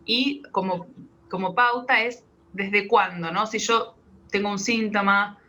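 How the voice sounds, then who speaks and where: A woman, a practitioner calmly explaining her method step by step in an interview. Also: medium pitch, slow pace. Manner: calm, patient, explains step by step. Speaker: guest, biodecoding practitioner.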